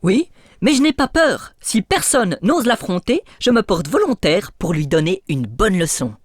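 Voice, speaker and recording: A woman's voice: mid-range voice, sing-song, a little slow, husky. Plucky cartoon boy hero, sure of himself. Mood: confident. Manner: confident, cheeky. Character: brave young shepherd boy, cheeky. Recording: cartoon with music behind.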